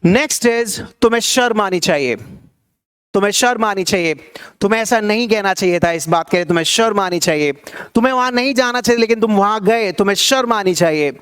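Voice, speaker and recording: High-voiced man drilling English phrases. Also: a bit bright, smooth. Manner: drills phrases slowly, repeating them for learners to echo; quick conversational explanations between drills. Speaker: English teacher. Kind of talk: spoken English lesson.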